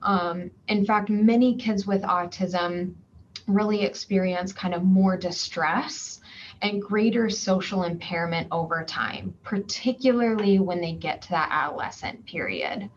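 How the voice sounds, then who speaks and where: A woman's voice: fairly low pitch, lively intonation, unhurried. A woman presenting at a virtual conference session, explaining steadily and patiently, with frequent ums and worked examples along the way. Her voice comes through a slightly dull video-call recording, with a faint hiss of noise underneath. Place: home or office, remote virtual session. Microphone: computer mic on a video call.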